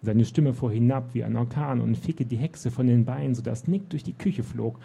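A man reading a fantasy audiobook with dramatic, expressive storytelling. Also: mid-range voice, moderate pace, gravelly, slightly rough. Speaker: audiobook narrator. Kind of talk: scripted fantasy audiobook narration.

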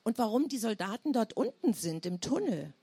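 A woman voicing a calm man, a smuggler, who explains and reassures in a story reading. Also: on the high side, moderate pace, gravelly, slightly rough, no room sound, heavily acted. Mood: explaining.

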